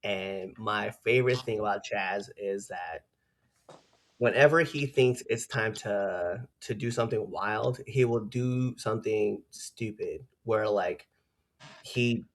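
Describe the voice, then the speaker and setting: A man chatting casually as an interview host and fellow wrestler, telling stories in an animated, slangy way and laughing often. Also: on the low side, slow pace. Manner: animated storytelling with slangy asides; laughs often while talking.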